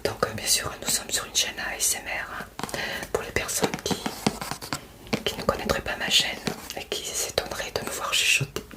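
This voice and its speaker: A woman whispering a gentle unboxing in whispered role-play, halting with many fillers as she gushes over a gift box. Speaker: ASMR creator.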